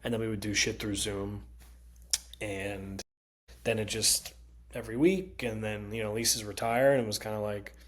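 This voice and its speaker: A male comedian with a Connecticut accent telling animated, profane stories in casual chat and mimicking other people's voices. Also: lowish voice, moderate pace. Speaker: comedian guest. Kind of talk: casual storytelling.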